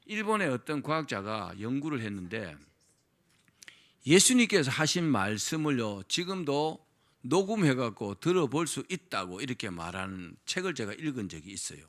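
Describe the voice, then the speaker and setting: A man's voice: medium pitch, a bit bright. A man preaching a sermon as pastor, asking the congregation questions and having them repeat phrases after him.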